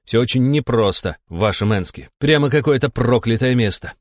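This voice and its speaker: A man's voice: medium pitch, normal speed, no echo, studio quality, voice pushed up, lightly acted. A man voicing a blunt, frustrated young male inquisitor in an audiobook. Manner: blunt, frustrated, plain-spoken. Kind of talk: audiobook dialogue.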